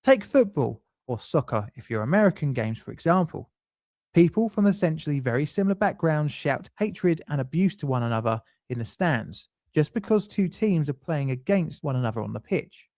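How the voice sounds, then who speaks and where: A man reading a scripted documentary narration in a measured, lightly dry explanatory way. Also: fairly high pitch, very animated, a little mellow, no echo.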